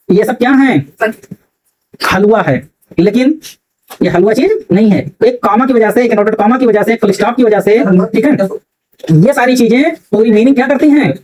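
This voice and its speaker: A man's voice: high-pitched, lively intonation, moderate pace, darkish tone, a little hiss or hum, low-quality recording. A male teacher giving a grammar lesson to a classroom, constantly asking his students rhetorical questions.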